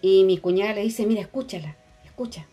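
A woman's voice: mid-range voice, fast, warm tone, breathy edge, soft background music. Woman telling a testimony. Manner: storytelling, hesitant with fillers. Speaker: radio co-host.

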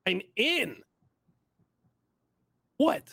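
A man from Texas hosting a casual podcast chat, telling stories with lively acted-out quotes and frequent laughter. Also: very high-pitched, very slow, gravelly, breathy edge, no echo, clean studio sound. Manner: animated, laughing storyteller who acts out quotes. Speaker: podcast host.

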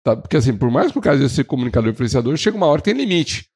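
A Brazilian man co-hosting a podcast, giving casual sales advice in an animated way, shifting his pace and acting out what clients say. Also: medium pitch, racing. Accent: Brazilian Portuguese. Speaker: podcast co-host.

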